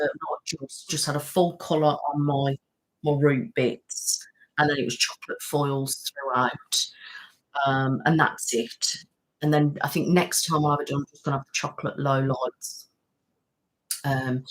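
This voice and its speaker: A deep-voiced woman hosts a relaxed home live stream, waffling on at length and reacting to what viewers write in the comments. The audio is poor.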